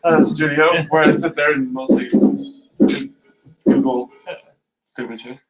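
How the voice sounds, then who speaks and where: A man's voice: fairly high pitch, steady tone, a little slow, low-quality recording. A man from a band casually chatting on a studio livestream, cracking dry, self-mocking jokes. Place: recording studio with drums being tracked.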